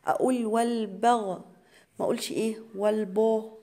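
Mellow Egyptian woman teaching Quran recitation. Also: a little high. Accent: Egyptian Arabic. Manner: explains rules briskly, then recites words slowly and drawn out. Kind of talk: tajweed lesson for beginners.

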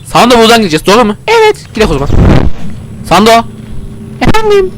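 Young man from Turkey, gaming host, playful commentary, jokey, high lively voice, clear game noise behind. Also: racing. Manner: joking, talks to objects and game characters.

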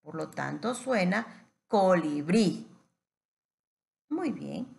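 A woman teacher giving a patient phonics lesson to young children, stretching words out slowly. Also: medium pitch, very animated, gravelly, a little mellow.

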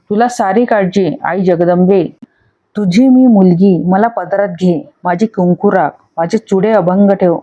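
A woman's voice: mid-range voice, warm tone, lightly acted. A woman voicing a devout wife who prays tearfully and pleads with the gods for her husband's life, on a dull lo-fi recording.

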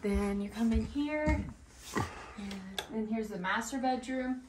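A young woman vlogger films a travel vlog on her phone held at arm's length, chatting casually in a rather high voice at a slow pace, with background noise. She's bubbly and talkative, often saying "cute little." She's outdoors on ski slopes and snowy streets, and indoors in a rental house.

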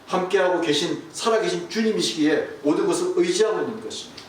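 Brief: male pastor, fairly high voice, preaching from far off the mic in a very echoey church, faint hiss. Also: lively intonation, fast talker. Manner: storytelling preacher, drops to a hush and then rises. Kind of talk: sermon. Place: church sanctuary.

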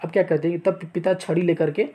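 A male teacher from India, explaining a chapter and reading its text, slow and halting, with restarts. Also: high-pitched, fairly even intonation, breathy edge, highs cut off. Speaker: English teacher. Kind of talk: chapter explanation mixing Hindi and English.

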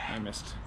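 A man in his thirties who works at a hotel chats casually for a vlog on a backyard patio, relaxed and rambling with plenty of fillers. The camera is held at arm's length, and roosters crow loudly throughout the outdoor recording.

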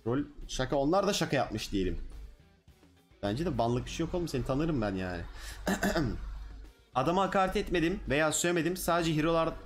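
A man's voice: a little high, sing-song, brisk, faint music behind. A young man, a streamer, chatting casually and bluntly with his live chat, full of slang.

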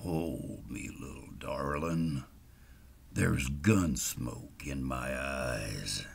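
A man voicing a drunk, heavyset old male camp cook who talks in a slow, slurred drawl, lower than his own voice. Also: sing-song, pushed and bright, breathy edge, heavily acted. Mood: drunk, gruff.

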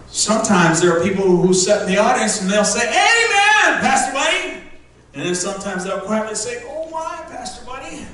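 Male pastor, high voice, lively joking sermon, heard from far off in a very echoey church, faint hiss. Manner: lively, jokey preaching that acts out congregation responses. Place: church sanctuary. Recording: very echoey room, distant mic, faint noise.

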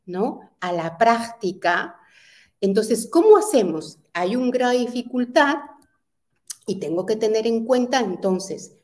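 A woman's voice: medium pitch, a little mellow. A woman presenting an educational webinar on early literacy, explaining step by step and asking rhetorical questions.

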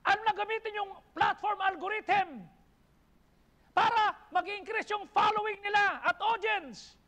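A man's voice: very high voice, a little slow, bright, forceful tone. A man with a Filipino accent preaching a sermon as pastor, building emphatic lists. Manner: preaching in mixed Tagalog and English, rising emphatic lists. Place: church hall. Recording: long hall reverb in a church.

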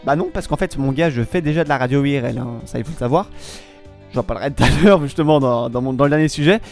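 In French, a young man hosts a casual web radio show on his own, rambling, hesitating, restarting, and promising to come back to topics later. His mid-range voice is fast and a little mellow, with faint music in the background.

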